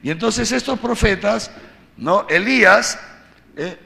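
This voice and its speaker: A man giving a catechesis talk, telling Bible stories with lively acted-out quotes and frequent tag questions. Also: high voice, takes it slowly, creaky, slightly rough. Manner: animated storytelling, acting out biblical quotes. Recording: long hall reverb.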